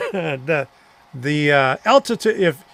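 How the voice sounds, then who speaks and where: A man's voice: fairly high pitch, lively intonation, takes it slowly, fairly bright tone. A middle-aged man hosting a live stream, chatting casually and answering viewer comments, rambling and chuckling between thoughts. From Florida.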